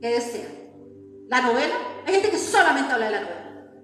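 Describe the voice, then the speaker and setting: A woman's voice: sits high, sing-song, a little fast, a bit bright, faint music behind. A woman preacher, delivering a sermon and firing repeated rhetorical questions at the congregation. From Colombia. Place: church hall. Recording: echoey church hall with long reverb.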